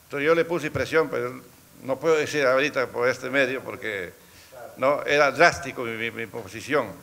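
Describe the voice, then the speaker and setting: A man's voice: mid-range voice, normal speed, creaky, fairly bright tone. A middle-aged man, recounting events in casual talk and often repeating words as he goes. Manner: storytelling, quoting others, repeats words. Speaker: community road committee president. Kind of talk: casual spoken recollection.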